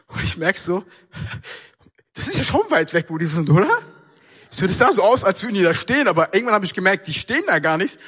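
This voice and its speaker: Bright, high-voiced young man preaching. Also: breathy edge. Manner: lively, acts out dialogue in the story; casual, slangy speech. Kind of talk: storytelling sermon.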